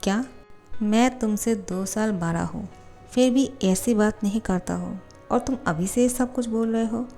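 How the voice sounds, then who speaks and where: A woman's voice: medium pitch, a little slow, creaky, dark tone, soft background music. Woman voicing a caring twelve-year-old boy. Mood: scolding. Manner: pleading, protective. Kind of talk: fan fiction voiceover storytelling.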